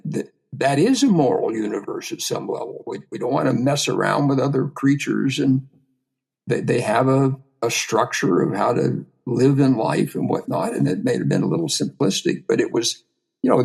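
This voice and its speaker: Gravelly man, halting answers. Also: mid-range voice, a little mellow. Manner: hesitant, with frequent restarts and repeated words. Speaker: guest, astrophysicist. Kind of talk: thoughtful conversational interview answers.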